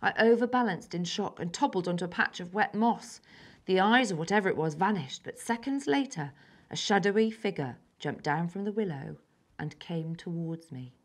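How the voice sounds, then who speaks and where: A schoolgirl of about ten from England, reading aloud her own story with careful, even delivery and soft, breathy moments. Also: on the low side, normal speed. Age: child, about 10. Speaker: young story author.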